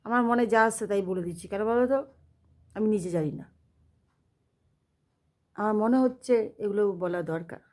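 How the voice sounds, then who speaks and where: A woman's voice: medium pitch, moderate pace, long pauses, a little mellow. A woman telling a funny religious story in a chatty, laughing way. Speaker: cooking channel host. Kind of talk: casual comic monologue.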